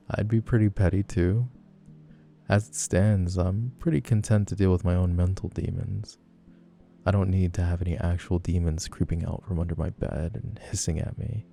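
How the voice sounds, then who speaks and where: Man playing a teasing, gravelly low-voiced flirty guy. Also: steady tone, normal speed, dark tone, faint music behind. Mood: playful, rambling. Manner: teasing, playful, rambling. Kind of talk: flirty personal-attention role-play, casual chat.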